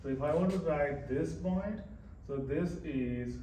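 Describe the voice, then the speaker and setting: In a mellow, fairly high voice and at a slightly slow pace, a man teaches math informally, solving a problem step by step while writing and often repeating himself. The mic is distant, the room echoes, and there's faint noise.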